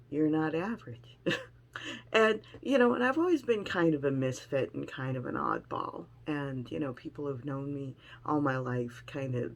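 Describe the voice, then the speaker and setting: A middle-aged woman with a low-pitched voice shares her weight-loss surgery experience in a casual personal vlog, rambling and frank with some salty language. The recording quality is low.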